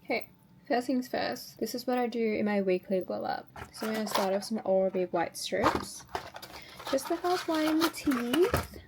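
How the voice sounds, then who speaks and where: This beauty vlogger has a fairly high, animated voice and speaks at a normal pace, though the audio is very noisy. She chats casually to her viewers, walking through each step of a routine as an informal tutorial.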